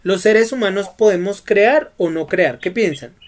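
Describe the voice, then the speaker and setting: A man's voice: sits high, a little slow. A man teaching a Bible study lesson who keeps asking his students questions and prompting their answers.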